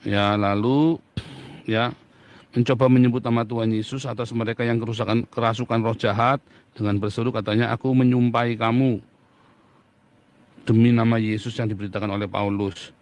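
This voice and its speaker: A man's voice: medium pitch, steady tone, moderate pace, pauses often, darkish tone. Middle-aged guy preaching, reads verses, lots of sarcastic questions. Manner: rhetorical questions, mocking imitations in a raised voice; reads scripture aloud. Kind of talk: sermon-style Bible teaching.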